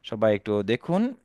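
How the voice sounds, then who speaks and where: A male Quran teacher giving an online alphabet lesson, drawing out each letter slowly and asking viewers to repeat after him. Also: medium pitch, mellow, dry recording. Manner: slow, drawn-out letter recitation for viewers to repeat; patient, repetitive teaching.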